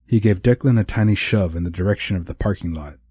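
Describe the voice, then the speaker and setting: Low, husky male audiobook narrator. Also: quick pace, warm tone, no room sound.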